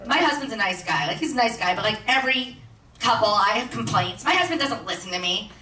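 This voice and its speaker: A woman from Miami delivers a brash, sarcastic stand-up set on a large theater stage. Her pitch sits high and swings a lot. The stage mic sounds distant and roomy, with audience noise behind. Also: expressive, sharp tone. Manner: brash, sarcastic, quick punchlines. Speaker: stand-up comedian. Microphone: stage microphone.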